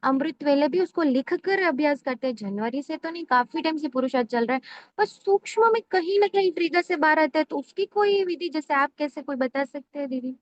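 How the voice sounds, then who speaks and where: A woman asking a teacher a question, in a hesitant, halting way. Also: sits high, expressive. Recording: dull, lo-fi dry sound.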